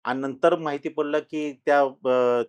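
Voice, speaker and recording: Higher-voiced middle-aged man recounting a haunting. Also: steady tone, smooth, highs cut off. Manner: halting, with many fillers and restarts, rising louder at tense moments. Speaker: guest telling his own ghost experience. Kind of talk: casual storytelling in an interview.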